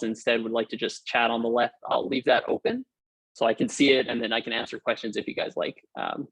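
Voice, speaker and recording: In a low-quality recording with no room sound, a medium-pitched young man from Hawaii lectures as a guest over a video call. The technical talk, given from a room at home or an office, is upbeat and informal, with many fillers and restarts.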